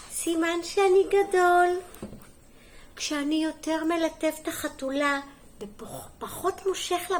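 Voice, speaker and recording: A middle-aged kindergarten teacher reading a storybook aloud to young children, gentle and sing-song, pausing for little asides and questions. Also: female voice, sits high, a little hiss or hum.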